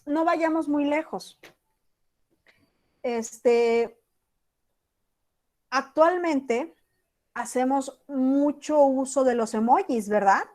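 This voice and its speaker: A woman's voice: high voice, extremely slow, long pauses, a little mellow. A woman teacher with a Mexican accent giving an online class, talking casually and acting out example text messages. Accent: Mexican Spanish.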